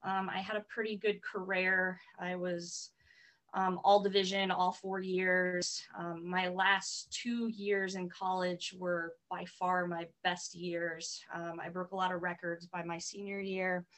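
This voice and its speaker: Woman soccer coach guest, low flat delivery, steady and matter-of-fact. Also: unhurried. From Connecticut, US East Coast. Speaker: soccer coach and private trainer, podcast guest. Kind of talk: casual interview chat.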